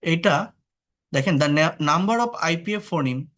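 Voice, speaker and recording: An English tutor from Bangladesh teaches an online class, speaking slowly in a fairly high, slightly bright voice. He explains patiently, throws rhetorical questions at the students, and mixes English words into his speech.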